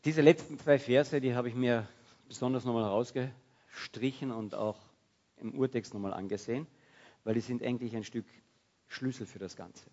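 A man preaching a sermon in a lively, conversational way. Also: medium pitch, moderate pace, muffled recording. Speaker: pastor.

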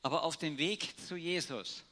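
A man preaching a sermon, telling Bible stories with shifts between hushed and raised emphasis. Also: a little high, moderate pace.

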